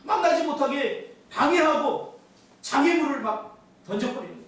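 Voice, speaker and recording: A man's voice: very high-pitched, lively intonation, normal speed, fairly bright tone. Emphatic male pastor preaching in an echoey church. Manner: emphatic preaching, acting out quoted voices. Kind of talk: sermon. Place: church sanctuary. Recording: echoey hall from far off.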